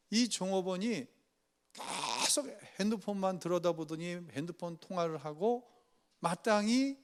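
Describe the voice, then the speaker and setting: A man with a fairly high voice leads a church study. He tells a story in an easy conversational way and speaks straight to the congregation, asking them to write along with him. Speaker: pastor. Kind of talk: afternoon church study sermon. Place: church sanctuary.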